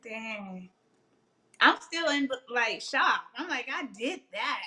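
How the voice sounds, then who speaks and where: A woman guest cook on a live cooking stream, excited and laughing as she tastes her dish. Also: fairly high pitch, slow pace. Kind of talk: casual live cooking chat.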